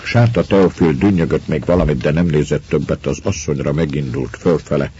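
A man reading a story aloud as narrator, in a measured storytelling way. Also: a bass voice, dark tone, husky, highs cut off. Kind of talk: audiobook reading.

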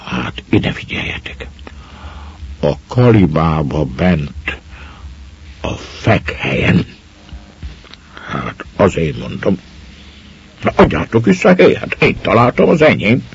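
A man voicing a shaggy young male shepherd who tells of a find in a hushed, mysterious way. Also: medium pitch, wildly swooping pitch, gravelly, breathy edge, pitched above the performer's own voice, exaggerated voice. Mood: possessive. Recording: muffled lo-fi recording.

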